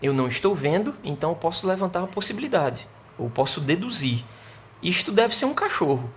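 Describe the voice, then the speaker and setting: A Brazilian man, an English teacher, explaining grammar in a remote school lesson and slowing down to say the example sentences. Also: a little high, very animated, slight background noise.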